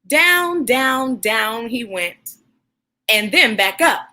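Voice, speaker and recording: A woman hosting a children's storybook read-aloud, expressive and encouraging, speaking directly to young listeners like a teacher. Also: fairly high pitch, very slow.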